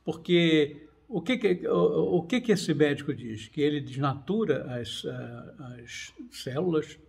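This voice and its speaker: A man, talking casually to his viewers, animated and digressive, full of restarts and fillers. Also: on the high side, slow, creaky. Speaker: channel host. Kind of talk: casual talk to camera.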